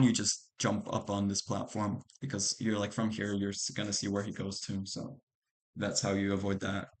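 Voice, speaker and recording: Young man casually explaining boss strategy. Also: on the low side. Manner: loose and conversational, many fillers, talks over replay footage. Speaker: streamer giving a game strategy guide. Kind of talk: casual gameplay commentary.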